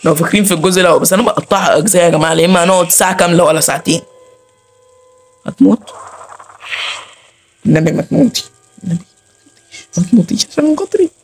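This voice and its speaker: A man with an Egyptian accent hosting a let's play, chattering nervously to viewers and pleading with the game character. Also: sits high. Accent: Egyptian Arabic. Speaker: gaming channel host.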